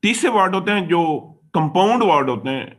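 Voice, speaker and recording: A man's voice: high voice, lively intonation, brisk, fairly bright tone. A man teaching English grammar in a classroom lecture, explaining patiently and repeating his points as he addresses his students. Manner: mixes Hindi and English mid-sentence.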